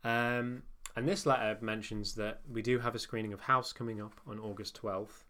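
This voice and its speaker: Nasal, low-voiced man reading wryly. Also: steady tone, moderate pace, bright, forceful tone. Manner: wry, swearing, self-mocking asides. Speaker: newsletter narrator and podcast host. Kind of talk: casual reading of his own newsletter.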